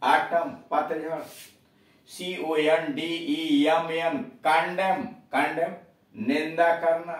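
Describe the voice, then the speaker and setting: A man's voice: a little high, little pitch movement, extremely slow. A man teaching an English lesson, spelling out each word letter by letter and then giving its meaning. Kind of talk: spoken language lesson. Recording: echoey room from far off.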